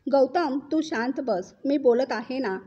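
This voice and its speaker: A woman voicing a calm middle-aged mother-in-law who answers in a measured way. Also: sits high, breathy edge, dull audio. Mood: firm.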